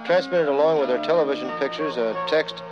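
A man's voice: fairly high pitch, a little fast. A man reading a scripted documentary narration in a wry, storytelling manner. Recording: slightly dull sound, music behind.

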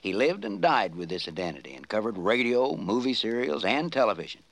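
A man's voice: lowish voice, big pitch swings, brisk, vocal fry, dry recording. A man giving scripted, nostalgic documentary narration.

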